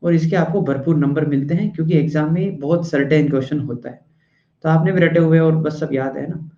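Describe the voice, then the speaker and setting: A man's voice: a little high, brisk, dark tone. A male teacher lecturing a class in a chatty way, stopping after each point to ask if the students follow, and at times scolding them bluntly. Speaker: math and physics teacher. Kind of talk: classroom lecture in Hindi-English mix. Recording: echoey room, dull lo-fi sound.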